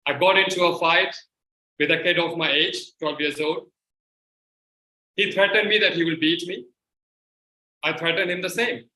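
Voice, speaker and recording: A man delivering a rehearsed tall-tale speech in a dramatic, mock-plaintive way with deliberate phrasing. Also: fairly high pitch, fairly even intonation, sharp tone. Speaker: contestant in a speech contest. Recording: echoey room, faint background noise.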